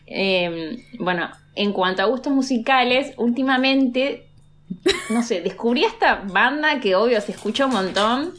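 A young woman with a Rioplatense Spanish accent tells stories in a relaxed podcast chat. Her voice sits a little high and she sounds amused as she goes. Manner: storytelling, amused. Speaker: podcast co-host. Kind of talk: casual chat.

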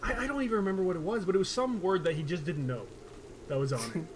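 A young man with a slightly high voice rambles through a story in a casual podcast chat. He stumbles and restarts his lines often. Clear background noise runs under him. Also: quick pace.

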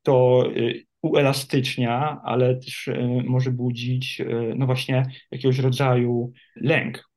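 A man in the role of an addiction therapist answers questions as a guest. He speaks in a steady, nearly monotone voice, and he thinks aloud with frequent hesitations. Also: mid-range voice. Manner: measured and reflective, many hesitation fillers. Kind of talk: interview guest.

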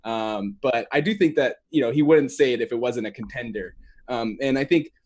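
Male podcast host, medium pitch, informal sports-fan chat style, halting and self-correcting delivery. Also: darkish tone. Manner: halting, rambling, laid-back phrasing full of hedges and self-corrections.

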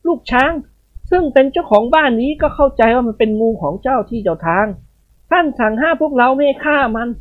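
A woman's voice: high voice, phone-quality sound, pitched above the performer's own voice. A woman voicing a nervous young man who pleads politely and trembles, in an audiobook reading.

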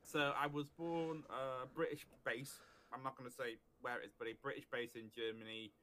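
Male North Welsh podcast guest, relaxed and chatty. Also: medium pitch. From North Wales. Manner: relaxed, easygoing, quick to laugh. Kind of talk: casual interview chat.

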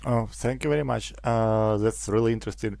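A man hosting a podcast, introducing and questioning a guest in a hesitant way with frequent pauses and restarts. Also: fairly low pitch, creaky, darkish tone, dry recording. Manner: hesitant, many fillers and restarts. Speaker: podcast host. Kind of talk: interviewing a guest.

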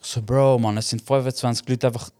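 A man's voice: medium pitch, quick pace, clear, resonant tone. A young man with a Swiss German accent, telling a story in a casual podcast chat and acting out the quoted voices. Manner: animated storyteller, acts out quoted dialogue. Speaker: podcast co-host.

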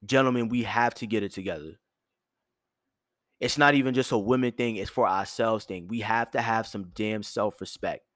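A man hosting his own show, giving blunt, profane dating advice in a firm yet soft tone, with features. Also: fairly low pitch, moderate pace, no room sound, studio quality. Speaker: host. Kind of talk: direct advice monologue.

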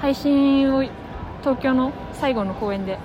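A woman's voice: high voice, measured pace, highs cut off. A woman co-hosting a podcast in casual chat, talking keenly with many fillers, recorded outdoors on a city street at night. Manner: chatty, enthusiastic, many fillers. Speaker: podcast co-host. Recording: outdoor street noise, passing traffic.

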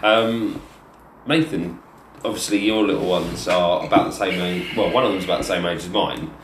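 Low-voiced man hosting, echoey. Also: normal speed. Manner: hesitant, sweary. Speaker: podcast host. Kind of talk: casual banter. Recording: echoey room with faint noise.

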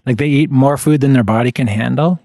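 A man's voice: mid-range voice, a little fast, warm tone, no room sound, clean studio sound. A man co-hosting a podcast with casual, tongue-in-cheek banter, recorded outdoors in a backyard. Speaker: podcast co-host. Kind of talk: casual chat.

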